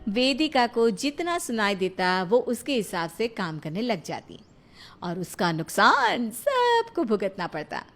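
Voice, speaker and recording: A woman's voice: fairly high pitch, very animated, a little slow, fairly bright tone. A woman narrating a cartoon story in a plain storytelling manner.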